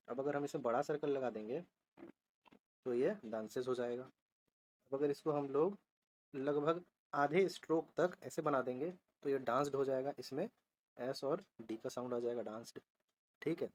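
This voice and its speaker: A man explains a shorthand lesson on a board step by step, in a steady teaching voice that spells out letters and poses questions he then answers himself. His voice is mid-range and his speed normal.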